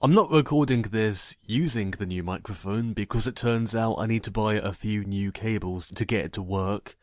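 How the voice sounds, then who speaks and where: A man talking in a personal vlog monologue with a fairly monotone, matter-of-fact delivery and dry, deadpan humour. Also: fairly low pitch, dry recording. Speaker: narrator and video creator.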